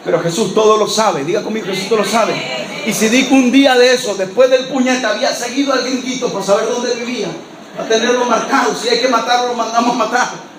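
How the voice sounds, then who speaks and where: Pastor de voz muy aguda predicando. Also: male voice, very high-pitched, quick pace, background noise. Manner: lively storyteller, acting out voices, often shouting. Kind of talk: sermon storytelling. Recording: echoey church hall with faint ambience.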